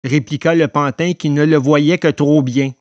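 A man narrating a storybook in an expressive telling voice. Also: fairly high pitch, moderate pace, no echo, dull audio.

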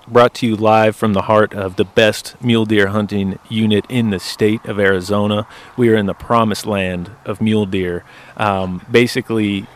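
Low-voiced man hosting by a campfire. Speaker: podcast host. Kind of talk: casual chat. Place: outdoors by a campfire. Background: running generator.

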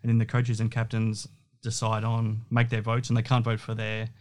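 A man's voice: fairly low pitch, monotone, moderate pace, darkish tone. A man with an Australian accent, hosting a basketball show as a casual interview.

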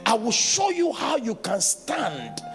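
A man's voice: very high-pitched, wildly swooping pitch, slow pace, a bit bright. A man preaching a sermon as a bishop, telling stories with laughs and call-outs to the congregation. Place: large church hall. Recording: long church reverb, faint music.

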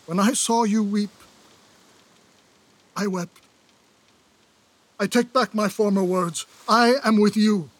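An actor playing a remorseful royal brother in an earnest, pleading stage delivery for an audio drama. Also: male voice, high voice, fairly even intonation, slow pace, pauses often.

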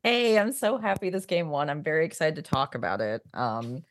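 Woman with vocal fry, recovering from a cold. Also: sits low, very animated, moderate pace, no room sound, studio quality. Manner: enthusiastic. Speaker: podcast panelist. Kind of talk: casual podcast chat.

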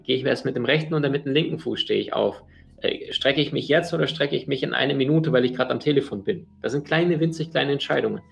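Gravelly-voiced man giving a motivational talk. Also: medium pitch, fast, faint music behind. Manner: earnest storytelling with frequent fillers and restarts. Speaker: motivational speaker. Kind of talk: motivational talk addressed to the listener.

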